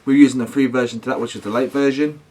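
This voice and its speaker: A man speaks to his viewers in a casual vlog style. His delivery rambles and doubles back on itself, full of slangy, matey phrasing, at an ordinary male pitch. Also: fairly even intonation, quick pace, a little mellow. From United Kingdom. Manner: rambling, slangy, with self-corrections. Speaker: paranormal investigation vlogger.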